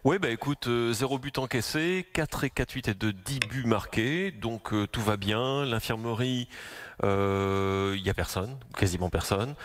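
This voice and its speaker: A man with a hoarse voice giving football analysis on a radio sports talk show, often hesitating and restarting his sentences. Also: mid-range voice, measured pace. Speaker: football pundit.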